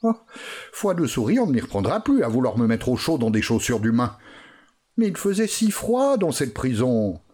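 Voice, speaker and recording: A man voicing a small frightened grey she-mouse in a storybook, with a quick, chirpy manner. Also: medium pitch, big pitch swings, warm tone, breathy edge. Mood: relieved.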